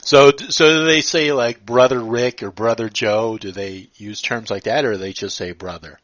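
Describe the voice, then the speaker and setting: A male host chatting casually on a live stream, stopping often with fillers and restarting his sentences. His voice sits at a middling pitch. The recording is dull and lo-fi, with a close, dry sound. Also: moderate pace, a bit bright, no room sound. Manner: hesitant, many fillers and restarts. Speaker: podcast host.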